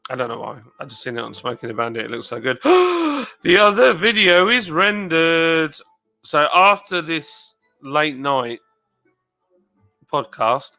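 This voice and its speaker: A man's voice: medium pitch, pushed and bright. A man hosting a casual late-night live stream, chatting away in a rambling manner and reading viewer comments aloud.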